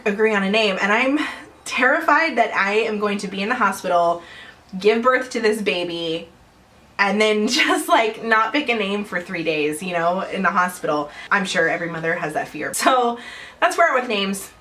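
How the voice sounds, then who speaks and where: A woman's voice: medium pitch, animated, normal speed, a bit bright, slight background noise, poor audio. A young adult woman vlogging at home in casual chat to camera, chatty and rambling with frequent small laughs.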